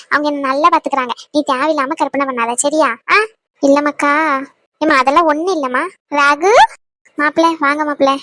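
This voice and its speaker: Woman doing a fussy talkative cartoon mom, high voice, dry close sound. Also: a bit bright, no room sound. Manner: fussing, affectionate. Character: middle-aged mother of the bride, fussing and talkative.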